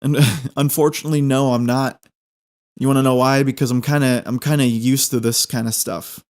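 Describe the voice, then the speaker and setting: A man's voice: mid-range voice, fairly even intonation, normal speed, a little mellow. Self-deprecating man telling a rambling story. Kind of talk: casual anecdotal storytelling.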